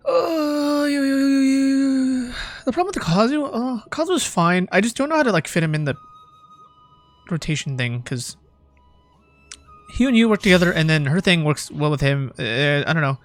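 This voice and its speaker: A man's voice: on the high side, very animated, brisk, long pauses, a bit bright, soft background music. A man livestreaming a game, chatting casually, swearing and musing aloud about his choices.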